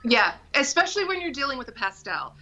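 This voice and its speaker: A woman's voice: sits high, very animated, quick pace, bright, forceful tone, rough recording. A woman guest from a nail polish brand, explaining products in a friendly, detailed way. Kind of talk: casual chat about beauty products.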